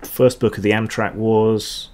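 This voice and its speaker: A man hosting a casual livestream Q&A. His voice sits fairly low, and he meanders through answers with frequent ums and a dry, offhand humour. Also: flat delivery, a little slow, darkish tone. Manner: rambling, hesitant with many ums, dry asides. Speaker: channel host answering chat questions.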